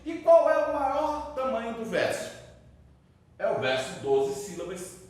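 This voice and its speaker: Slow, lively teacher in an echoey room. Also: male voice, very high-pitched. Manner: slow explaining, frequent tag questions. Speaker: literature teacher. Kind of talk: distance-learning lecture. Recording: very echoey room, mic far off.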